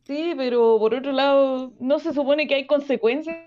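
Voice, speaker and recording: A woman's voice: high voice, moderate pace, dull audio. A woman who is a guest on a casual podcast, making brief dry remarks and reading short passages aloud. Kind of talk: casual chat about a book.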